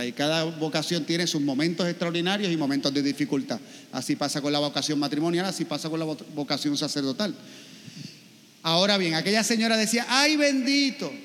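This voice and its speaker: A man preaches in a high voice, telling stories and acting out what people say to him. His sermon rings with the long reverb of a church. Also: a bit bright. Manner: storytelling with acted quotes and rhetorical questions. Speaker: priest.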